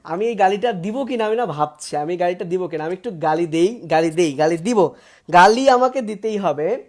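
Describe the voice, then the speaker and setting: A woman biology teacher, giving a live online lesson in a lively, teasing way and mixing in English words. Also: fairly low pitch, normal speed.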